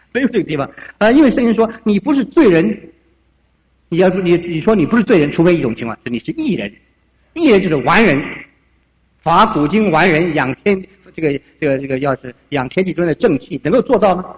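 Older male pastor, fairly high voice, lively storytelling sermon, muffled hall recording. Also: a little fast. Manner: lively, repeats phrases, chuckles often. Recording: dull recording with long hall reverb.

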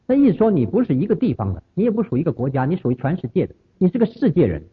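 A man's voice: on the high side, sing-song, rapid-fire. A man giving a storytelling lecture, repeating phrases emphatically as he retells the story. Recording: husky lo-fi phone-like audio.

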